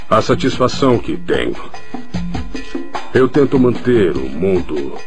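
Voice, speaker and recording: A middle-aged man, a tattoo artist, speaking calmly and reflectively in a dubbed documentary interview. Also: on the low side, measured pace. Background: music.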